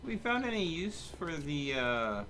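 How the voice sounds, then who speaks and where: A man hosts a livestream while playing a game, chatting casually and giving instructions to his teammates. His voice is fairly high with big pitch swings, bright and forceful, delivered slightly slowly, with some hiss or hum in the audio.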